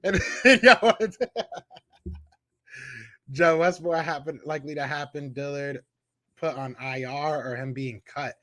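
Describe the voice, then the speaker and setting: A man with a Philadelphia accent hosting a live sports podcast, reading out chat comments and trash-talking in a casual, animated way. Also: a little high, takes it slowly, pauses often, no room sound. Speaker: podcast host.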